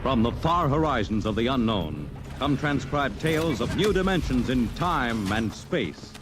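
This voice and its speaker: A man's voice: mid-range voice, sing-song, unhurried, very noisy. A man playing a grave, theatrical announcer of science fiction tales in 1950s radio drama style. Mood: portentous, dramatic. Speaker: radio show announcer and narrator. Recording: old radio broadcast, loud music behind.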